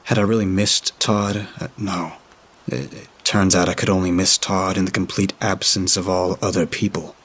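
A man reading a horror story aloud in a dry, steady storytelling manner. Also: low voice, moderate pace, husky. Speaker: narrator.

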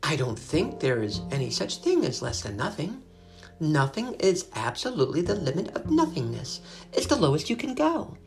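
A woman's voice: low voice, huge pitch swings, normal speed, over music, full character voice. A woman voicing a lonely, earnest young male pig who talks in a pleading way.

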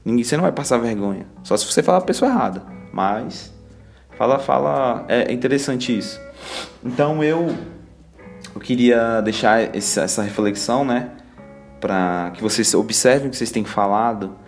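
A man's voice: mid-range voice, animated, normal speed, gravelly, faint music behind. A young man with a Brazilian Portuguese accent, sharing a casual devotional reflection in a chatty, laid-back way full of slang fillers.

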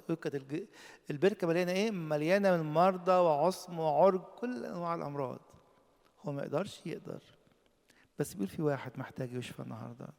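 Male preacher, Egyptian accent, fairly high gravelly voice, fervent sermon delivery, long hall reverb. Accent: Egyptian Arabic. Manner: impassioned, rising to loud emphatic peaks then dropping low.

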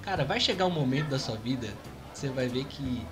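A Brazilian man in casual podcast chat, expressive and slangy, speaking straight to the listeners. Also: mid-range voice, brisk. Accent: Brazilian Portuguese.

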